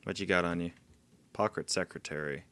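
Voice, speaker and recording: Speaking fairly quickly in a low-pitched, steady and slightly bright voice, a man streams himself playing a stealth game. His casual commentary is full of swearing and frustrated outbursts, and he laughs off his own failures.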